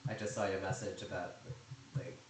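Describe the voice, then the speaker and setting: Low-voiced man telling a rambling story. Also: little pitch movement, unhurried. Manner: rambling, chatty, with sarcastic asides. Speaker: YouTuber recounting server drama. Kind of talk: casual storytime chat. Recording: very echoey room, faint noise.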